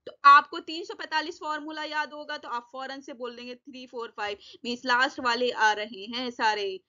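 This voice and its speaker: A woman's voice: high-pitched, fairly even intonation, moderate pace, pushed and bright, dull audio. A woman teaching an exam-prep grammar lesson, asking herself questions and answering them, addressing her students fondly. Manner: repeats and quizzes herself, addresses children fondly.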